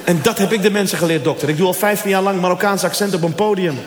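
A man performs a stand-up comedy routine from a theater stage, telling a story and slipping into different voices for each character. His voice sits fairly high. The sound carries a long, roomy hall echo with faint ambient noise behind him. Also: fast. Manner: storytelling, acting out dialogue with shifting voices. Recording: echoey hall, audience laughter.

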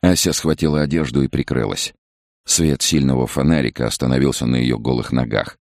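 A man narrating an audiobook in a measured, dramatic reading. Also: a bass voice, fairly even intonation, creaky, a little mellow, no echo, clean studio sound. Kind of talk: scripted narration.

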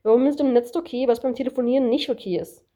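A woman's voice: sits high, mellow, dull audio, voice pushed up, lightly acted. A woman voicing a cheeky, lecturing male kangaroo in an amateur audiobook reading. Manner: smug, lecturing, quick-witted.

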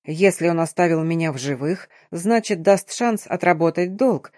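A woman voicing a wounded young husband who speaks low and tenderly in an audiobook romance. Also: moderate pace, darkish tone, dry recording, clean studio sound, close to an everyday voice. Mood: grim resolve.

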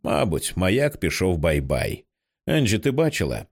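Sad soft young dad, a guy reading it in an audiobook, low voice. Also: sing-song, fairly quick. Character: worried young father holding his son.

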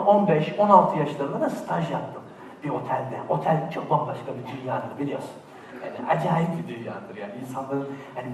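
A man performing animated stand-up comedy, slipping into mock voices and shouts, heard on a bootleg recording from a large theater audience. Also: on the high side. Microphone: bootleg recording from the audience, far from the stage. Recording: echoey, distant bootleg theater recording with crowd noise.

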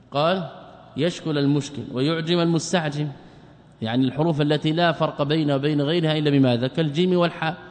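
A man's voice: fairly high pitch, a little mellow. A man teaching a classical book in a lecture, often asking rhetorical questions and repeating phrases. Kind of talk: lecture explaining a text. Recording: long hall reverb.

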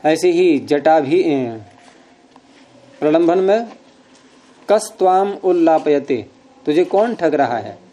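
A man teaching a grammar class, explaining rules patiently, quizzing students with questions and teasing them gently. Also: on the high side, animated, slow pace, pauses often.

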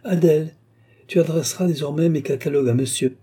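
A man's voice: on the high side, fast talker, warm tone, slightly rough, pitched above the performer's own voice. A man voicing a fawning, eager male bookseller who pushes his wares with effusive patter, in a narrated story. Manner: pushy, effusive salesman patter.

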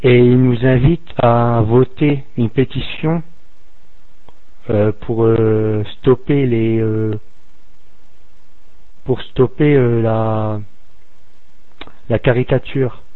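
A man's voice: mid-range voice, fairly even intonation, extremely slow, pauses often, dry recording. Hesitant male caller on a phone-like line. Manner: hesitant, many filler sounds. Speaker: caller asking a question. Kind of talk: hesitant question to a teacher.

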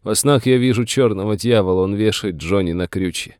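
A man's voice: fairly low pitch, a little fast, a little mellow, clean tone, no room sound, clean studio sound, voice pushed up, natural voice. A man voicing a frightened aging rancher who pleads in a plaintive, agitated way. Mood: fearful, plaintive. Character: frightened aging male rancher, tearful and whining.

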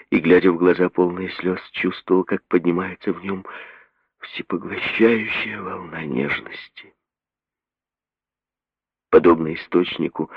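A man narrating an audiobook in a measured, expressive storytelling voice. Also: low voice, no echo, muffled recording. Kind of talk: audiobook reading.

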